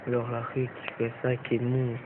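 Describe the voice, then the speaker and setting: A man's voice: mid-range voice, monotone, moderate pace. A young man from Belgium with a Belgian French accent, giving a rambling, hesitant tour in a casual vlog, full of fillers. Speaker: vlogger. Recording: tinny lo-fi phone-like audio with hiss.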